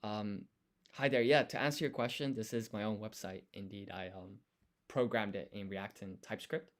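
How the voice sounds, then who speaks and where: A man with a lowish, fairly even voice livestreams casually while studying Japanese, speaking at a normal speed. He thinks out loud and sounds words out syllable by syllable during this relaxed study chat.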